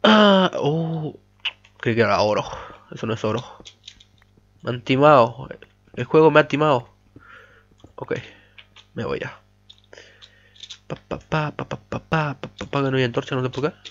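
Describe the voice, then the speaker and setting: A man's voice: mid-range voice, animated, fairly quick, long pauses. Guy narrating his minecraft run, chatty, mutters while digging, kinda dull cheap mic. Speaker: gamer. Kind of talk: let's play commentary.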